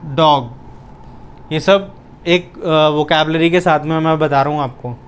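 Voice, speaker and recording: A male teacher with a fairly high voice walks through a pronunciation lesson at an unhurried pace. He says each word slowly and repeats it to drill it in. Now and then he poses a question and answers it himself. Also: slight background noise. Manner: asks and answers his own questions. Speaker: language teacher.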